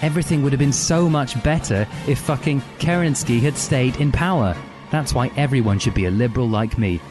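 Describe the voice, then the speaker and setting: A man's voice: mid-range voice, fairly quick, music in the background, natural voice. A man voicing a prim, lecturing know-it-all teenage girl.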